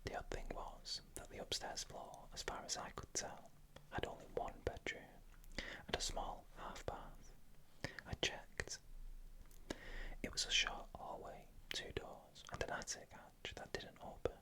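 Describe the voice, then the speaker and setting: An ASMR narrator reads scary bedtime stories entirely in a soft whisper. The voice is breathy and unvoiced, moving deliberately through short phrases and leaving pauses between them.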